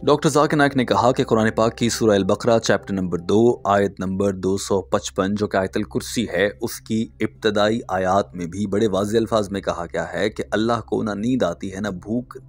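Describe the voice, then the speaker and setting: A man reading a scripted narration in a measured, explanatory way, posing rhetorical questions. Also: fairly low pitch, fairly even intonation, soft background music.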